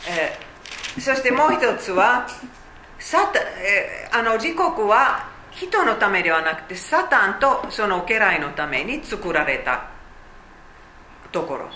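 A woman's voice: medium pitch, very animated, slow, pushed and bright, reverberant, a little hiss or hum, rough recording. A woman teaching a Bible study, explaining chattily with fillers and asides.

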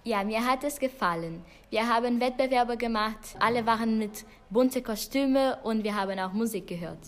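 A woman student answers cheerfully in simple sentences. Her voice sits fairly high. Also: normal speed, over music. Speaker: student interviewee.

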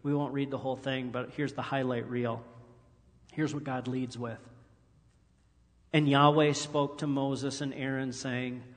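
A man's voice: mid-range voice, flat delivery, measured pace, pauses often, in a large hall. A male pastor preaching a sermon in an earnest way, reading scripture aloud with emphatic rises.

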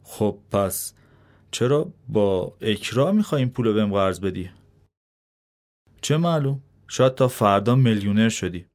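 A man voicing a cheerful, teasing elderly gardener with a raised, lively delivery in a spoken story. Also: on the low side, natural voice.

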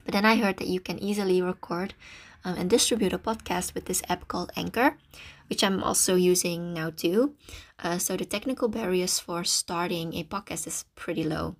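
A woman's voice: lowish voice, normal speed. A woman in her early twenties from the Netherlands hosting a casual solo podcast, self-conscious and rambling, talking into a phone in a small closet with a towel over her head. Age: early 20s. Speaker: podcast host.

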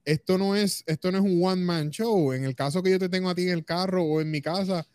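A man's voice: high voice, brisk, darkish tone, smooth, dry recording. A man hosting a podcast, explaining plans in a conversational way. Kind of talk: casual podcast chat.

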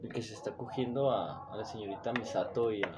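A man's voice: fairly low pitch, fast talker, crowd noise. A man with a Mexican accent in casual chat, crude and joking, heavy on slang. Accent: Mexican Spanish. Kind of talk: casual chat about anime.

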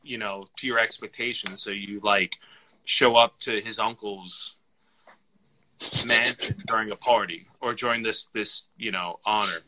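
A man's voice: on the low side, fairly even intonation, measured pace, pushed and bright, rough recording. A man co-hosting a podcast, chatting casually about a film, rambling with lots of fillers and laughing often, tired from lost sleep. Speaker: podcast co-host. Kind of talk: casual movie chat.

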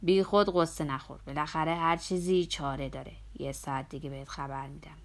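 A brash, good-humored madam with a deep, low voice, talking in a loud, blunt and scolding way, as a woman reader puts her on. She sounds like a storybook character read aloud. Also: steady tone. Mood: reassuring.

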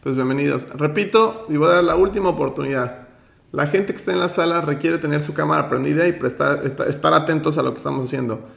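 Firm gravelly man hosting a workshop. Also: on the high side, fast talker, reverberant. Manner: firm, direct, gives instructions. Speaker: host of an online finance workshop. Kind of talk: motivational teaching and roll call.

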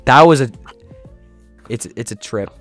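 A man's voice: mid-range voice, unhurried, a bit bright, no room sound, soft background music. A man hosting a casual chat with friends, rambling with lots of fillers and laughter, his mic clipping and distorting the whole time. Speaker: podcast host.

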